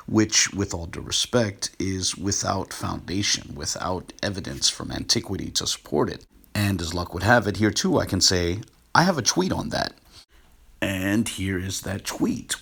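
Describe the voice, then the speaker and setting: Low, gravelly man explaining scripture. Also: a bit bright. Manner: measured, scholarly, walks through sources on screen. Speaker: video essayist on biblical words. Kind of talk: screen-share explanation.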